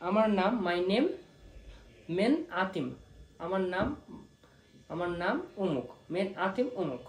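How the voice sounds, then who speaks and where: A man whose first language is Bengali gives a casual spoken language lesson, repeating each word slowly and spelling it out. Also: sits high, lively intonation. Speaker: language teacher. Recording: echoey room.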